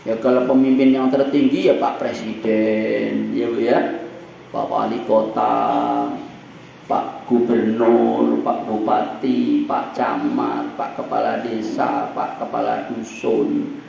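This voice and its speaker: Joking preacher gravelly voice. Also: male voice, mid-range voice, flat delivery, slow pace, mellow, lo-fi sound. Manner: humorous, folksy, asks the audience questions. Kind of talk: sermon to women. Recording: echoey room with faint noise.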